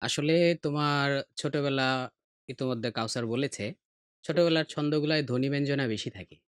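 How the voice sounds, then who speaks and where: A middle-aged man with a Bangladeshi Bengali accent, teaching poetry meter on a podcast in a slow, patient way and reciting verses with feeling. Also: mid-range voice, no room sound, studio quality. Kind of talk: explanatory lesson podcast.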